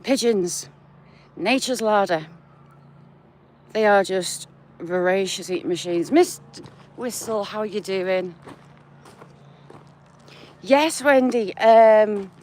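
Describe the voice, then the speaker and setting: A woman's voice: mid-range voice, slow, pauses often, a little mellow, slight background noise. A woman with a northern English accent, chatting to her viewers by name while walking outdoors in the countryside. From England. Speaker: vlogger. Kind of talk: casual live-chat walk vlog.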